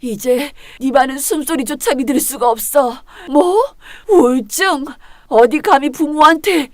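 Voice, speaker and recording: A woman voicing a furious middle-aged mother who yells as she disowns her daughter. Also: unhurried, dry recording, clean studio sound. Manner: shrill, yelling, scolding.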